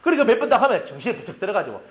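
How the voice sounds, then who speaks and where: Lively fast-talking Gyeongsang pastor. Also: male voice, high voice. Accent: Gyeongsang Korean. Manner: animated storytelling with sound effects. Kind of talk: sermon.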